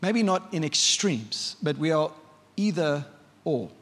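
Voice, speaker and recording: A man's voice: a little high, big pitch swings, takes it slowly, fairly bright tone. A man preaching a sermon in a church, conversational and vivid, often asking the congregation questions. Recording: long hall reverb.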